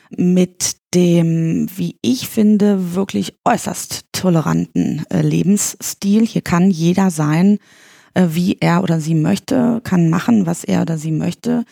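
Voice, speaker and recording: This East Berlin woman in her forties, running for the pharmacists' chamber, guests on an interview podcast with a dark, mellow voice that is husky, gravelly and on the low side. She measures her words, often pausing as she hunts for the right one. The sound is dry and close, with no echo.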